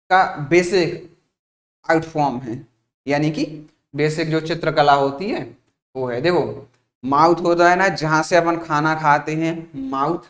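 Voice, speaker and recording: Male teacher, explains step by step, fairly high voice. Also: reverberant. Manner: explains step by step, repeats "ठीक है", asks then answers his own questions; jokes with students, calls them "भाई साहब". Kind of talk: exam-prep science lecture.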